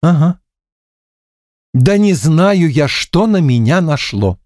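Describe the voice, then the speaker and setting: A man voicing a boastful, self-satisfied Monkey King who talks slowly and grandly in an audiobook. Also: a little high, sing-song, darkish tone, no echo, studio quality, pitched above the performer's own voice. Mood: puzzled. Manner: pompous, slow and self-satisfied. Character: smug, boastful Monkey King, male, ageless.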